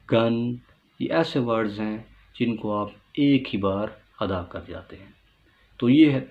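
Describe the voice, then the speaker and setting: A man whose first language is Urdu, explaining English syllables as a teacher, stretching out example words slowly and asking rhetorical questions. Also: mid-range voice, creaky, narrow, tinny audio. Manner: slow, drawn-out word pronunciation with repeated rhetorical questions. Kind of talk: classroom-style explanation.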